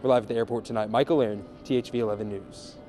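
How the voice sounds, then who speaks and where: A man reporting live for the local news from an airport arrivals area, in a measured, polished delivery. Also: mid-range voice, fairly even intonation, mellow, soft background music. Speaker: field reporter. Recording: noisy airport background.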